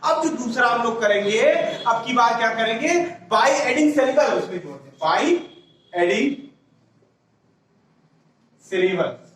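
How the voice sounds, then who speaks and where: A man's voice: extremely high pitch, expressive, slow, long pauses, fairly bright tone. A male teacher explaining English grammar to a class step by step, repeating words and asking rhetorical questions. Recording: echoey room, voice from far off.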